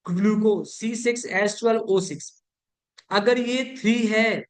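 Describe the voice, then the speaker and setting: With a high-pitched voice, a male teacher gives a chemistry lecture to his class. He frequently asks if the students have understood, uses English terms, and slows for dictation before explaining at a faster clip.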